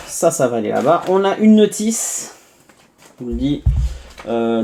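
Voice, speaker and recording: A man's voice: a little high, mellow, slight background noise. A man from France hosting a casual unboxing review, chatty and full of hesitations and little asides as he narrates each step. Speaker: tech reviewer.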